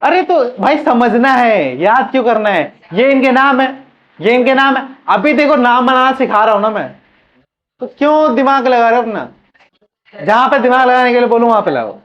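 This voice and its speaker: A man's voice: very high voice, animated, moderate pace, a bit bright. A man teaching a chemistry class, asking questions and repeating the answers for students to drill. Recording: muffled lo-fi classroom recording.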